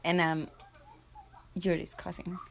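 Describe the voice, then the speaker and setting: An eighteen-year-old woman being interviewed, talking casually and haltingly with lots of fillers. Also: fairly low pitch, little pitch movement, creaky.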